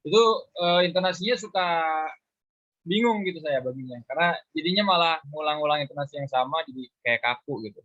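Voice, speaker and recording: A man's voice: fairly high pitch, brisk, fairly bright tone, no echo. A man, a webinar participant, asking a hesitant question about voice-over intonation. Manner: hesitant, searching for words. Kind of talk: casual question on a call. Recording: dull online call audio.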